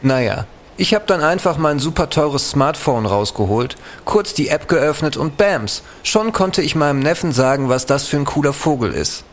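A man's voice: on the high side, animated, normal speed, hardly any pauses, lightly acted. Man playing a smug hipster uncle, faint background noise. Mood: smug, casual. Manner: casual hipster slang, self-deprecating. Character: self-mocking hip childless uncle in advert. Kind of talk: spoof app commercial testimonial.

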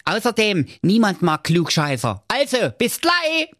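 A brash, slangy young hero from a comic fairy tale, put on by a man in a squeaky falsetto. He sounds carefree and sure of himself. The recording is dry and close. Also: huge pitch swings, measured pace, a bit bright, no echo, heavily acted. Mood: cocky. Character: cheeky young male hero, cocky and carefree.

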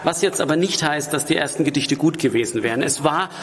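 A man's voice: on the high side, quick pace, a bit bright. A man in his forties with a Franconian accent and a rolled r, answering conversationally as an interview guest. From Franconia, Germany. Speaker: poet and author, interview guest.

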